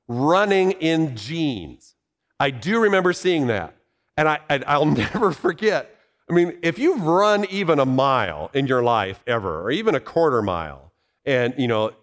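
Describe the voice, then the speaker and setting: A man's voice: on the high side, fairly bright tone. Preacher man in a reverberant hall. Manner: conversational, explains Bible verses with asides and rhetorical questions. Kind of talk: sermon.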